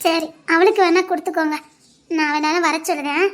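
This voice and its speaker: A woman's voice: very high-pitched, fairly even intonation, a little fast. Woman playing a shy poor village girl in love. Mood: tender. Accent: southern Tamil Nadu. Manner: soft, bashful, pleading. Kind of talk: village romance drama acting.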